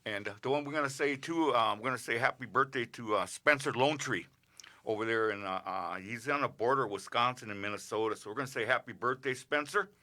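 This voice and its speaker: A middle-aged man on a radio show, rambling casually through birthday shout-outs with lots of filler sounds. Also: medium pitch, a little fast. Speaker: regular radio segment host. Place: radio studio.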